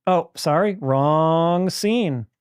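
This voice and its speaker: A man hosting a live stream talks casually and loosely, doubling back and restarting his sentences as he goes. His voice sits a little high and sounds smooth and clear. The sound is dry, as if recorded close to the mic with no room echo. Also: extremely slow. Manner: rambling, restarts sentences, self-correcting, friendly. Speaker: streamer and host. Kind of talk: casual live-stream talk about retro games.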